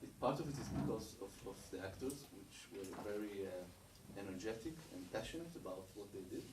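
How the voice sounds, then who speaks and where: A man from Israel, the author of the adapted books, speaking haltingly to an audience after a performance, with many restarts. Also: fairly low pitch, expressive. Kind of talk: post-show audience talk. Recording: echoey room from far off, noisy.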